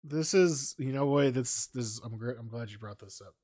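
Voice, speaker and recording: A man's voice: medium pitch, moderate pace, darkish tone. A man co-hosting a casual film podcast, opinionated, often hedging with "like". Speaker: podcast co-host. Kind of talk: casual chat.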